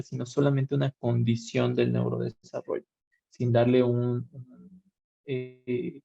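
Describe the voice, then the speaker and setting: A workshop lecturer with a Mexican accent gives a webinar lecture, explaining step by step and rephrasing with fillers and asides. His medium-pitched voice is creaky and warm with no echo, though the webinar audio is dull and lo-fi.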